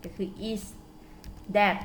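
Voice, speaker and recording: A woman with a Lao accent teaching English at home. She says English phrases slowly and carefully, then quickly translates each one. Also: slight background noise. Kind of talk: casual spoken lesson.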